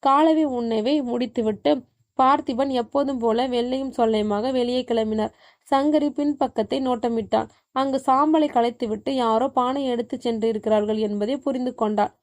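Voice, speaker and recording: A woman reading a horror story aloud as a storyteller, in an even, measured way. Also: fairly high pitch. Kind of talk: scripted horror story narration.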